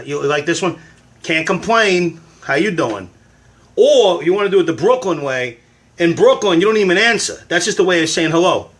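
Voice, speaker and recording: A man's voice: on the high side, a bit bright. A man hosting a casual livestream from his phone at home, rambling and self-deprecating while he cooks eggs and answers fan questions.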